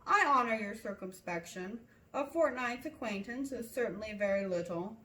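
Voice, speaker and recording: A woman voicing a sarcastic middle-aged father in a storybook reading, measured, wry and mock-polite. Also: mid-range voice, animated, bright, forceful tone, roomy sound, recorded from a distance, low-quality recording.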